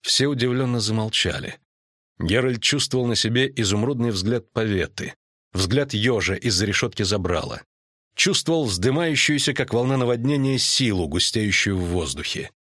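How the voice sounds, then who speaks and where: A man narrating a fantasy audiobook in an even, measured reading. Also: lowish voice, no echo, clean studio sound.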